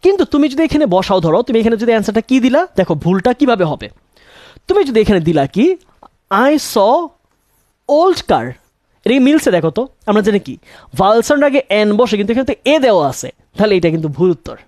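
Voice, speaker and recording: Lively man teaching grammar. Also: high-pitched, a little fast, no echo, clean studio sound. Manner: asks questions and answers them himself, repeats key words. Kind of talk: classroom-style grammar lesson.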